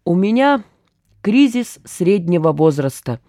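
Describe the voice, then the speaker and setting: A woman reading aloud plays a stubborn young woman with a quick, sardonic tongue, bossing people around in a dark, mellow voice. The recording is close and dry. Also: lowish voice, sing-song, no room sound. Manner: brisk, sardonic, bossy. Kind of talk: audiobook character voice.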